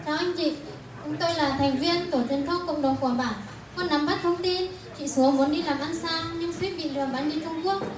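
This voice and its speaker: A woman acting out a polite community worker who offers advice and encouragement. Her voice is high. It is recorded far from the mic in a very echoey room. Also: fairly quick, noisy background, close to an everyday voice. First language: Hmong. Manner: polite, advising. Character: earnest female community media worker. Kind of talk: amateur skit acting.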